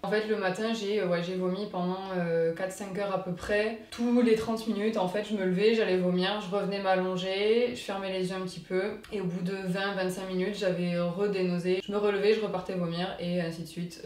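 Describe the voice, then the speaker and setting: A woman's voice: on the low side, a little mellow. A woman talking casually in an informal, slangy, chatty vlog style. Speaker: vlogger. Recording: echoey room with background noise.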